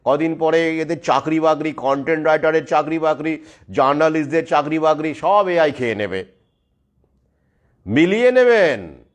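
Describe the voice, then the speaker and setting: A man's voice: fairly high pitch, moderate pace. A man speaking straight to his viewers in an urgent monologue, stressing his points with rhetorical questions. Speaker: video commentator.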